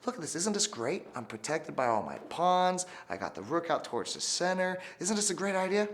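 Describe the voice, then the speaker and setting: A man's voice: fairly high pitch, big pitch swings, a little fast, fairly bright tone, a little hiss or hum, pitched above the performer's own voice. A man voicing an eager, lonely chess king who pleads with another king in a children's story.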